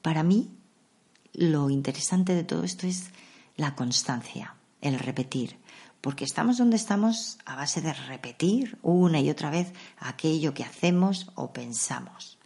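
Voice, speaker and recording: A woman hosting a reflective podcast on meditation, explaining practices in a calm, conversational way. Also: sits low, unhurried, creaky. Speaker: podcast host.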